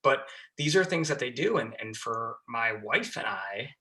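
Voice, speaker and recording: Bright-voiced enthusiastic man. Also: medium pitch, lively intonation. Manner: enthusiastic, talks in quick bursts. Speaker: podcast guest, fire lieutenant. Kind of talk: casual conversation.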